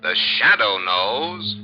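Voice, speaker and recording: An actor playing a sinister, mocking shadowy avenger, theatrical and menacing, in 1940s radio drama style. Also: male voice, on the high side, exaggerated voice. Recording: dull old radio under loud organ. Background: loud organ music.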